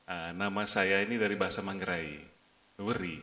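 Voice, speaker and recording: A young man from Indonesia speaking on a panel, sharing his experiences in a relaxed, chatty way with many fillers. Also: low voice, normal speed. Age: young adult. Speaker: company director.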